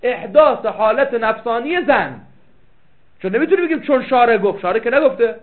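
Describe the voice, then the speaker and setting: A man gives a seminary lecture in a high voice, reading Arabic passages aloud and breaking them down with his own questions. He repeats key phrases to drive a point home. The recording is thin and phone-like. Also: animated. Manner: explains with rhetorical questions and reads out Arabic text. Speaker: seminary teacher. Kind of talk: classroom lecture.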